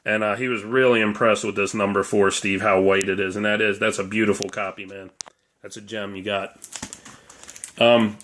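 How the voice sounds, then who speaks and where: A man's voice: lowish voice, level tone, moderate pace, a bit bright, slight background noise. A hungover, slightly ornery man talking casually to viewers as a vlogger, telling stories in a conversational way. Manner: conversational storytelling, acting out quoted dialogue. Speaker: vlogger, comic collector. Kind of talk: casual monologue to camera showing comic haul.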